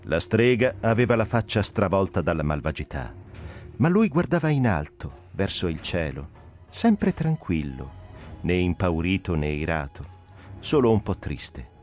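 A man narrating a dramatic audiobook reading, expressive and shaped by the drama. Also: low voice, measured pace, soft background music. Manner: expressive, rising and falling with the drama.

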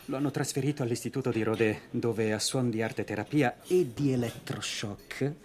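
A man playing an eager, flustered newspaper reporter in a radio drama, wordy, fussy and excitable. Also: lowish voice, close to an everyday voice. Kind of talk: scripted radio drama acting.

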